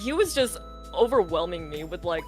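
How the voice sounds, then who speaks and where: A woman's voice: fairly low pitch, normal speed, faint music behind. A woman streamer telling a story in casual, profane chat, acting out the scenes as she goes. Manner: profane, animated storytelling with reenactments.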